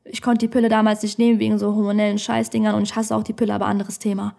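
A woman's voice: medium pitch, little pitch movement, very fast, creaky, dark tone. A woman comedian telling a personal story on a podcast in a studio, blunt and outspoken.

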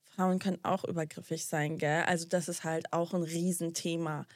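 Lowish-voiced woman telling a story, acting out both sides. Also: normal speed, no room sound, studio quality. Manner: animated, acts out both sides of a dialogue, drops English slang. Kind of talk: casual storytelling chat.

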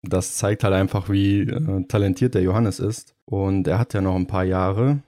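Tiefer, dunkler Co-Host. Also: male voice, deep voice, steady tone, normal speed, dark tone, dry recording, clean studio sound. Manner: easygoing, short agreeing replies. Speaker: podcast co-host. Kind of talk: casual sports podcast chat.

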